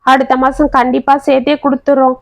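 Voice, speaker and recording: A woman voicing a struggling neighbor who apologetically asks her landlady for time, speaking slowly and placatingly. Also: sits high, little pitch movement. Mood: apologetic.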